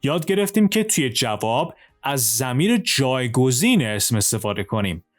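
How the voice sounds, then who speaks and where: A man gives an English lesson with a lively, rising and falling voice at a middle pitch. He reads each English example slowly and carefully, then explains it. Faint music plays softly behind him. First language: Persian. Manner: drills single words twice each. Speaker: English teacher. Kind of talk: language lesson, explaining in Persian.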